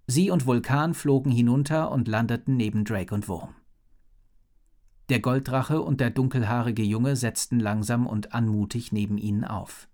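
A man narrating a children's fantasy story in a lively, expressive reading. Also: medium pitch, moderate pace. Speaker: audiobook narrator.

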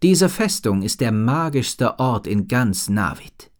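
A man reading a storybook and voicing a worried, wise female head sorceress who speaks slowly and gravely. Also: mid-range voice, big pitch swings.

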